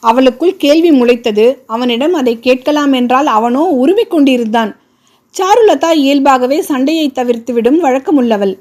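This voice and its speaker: High-voiced woman narrating a novel. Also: moderate pace, a little mellow. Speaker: storyteller.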